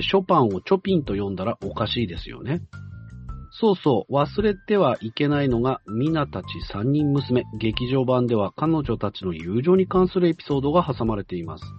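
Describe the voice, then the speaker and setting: A male host reading a listener's letter aloud at a measured pace, with frequent hesitant fillers and brief comments of his own. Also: mid-range voice. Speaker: radio-style show host. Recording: muffled lo-fi recording, faint music.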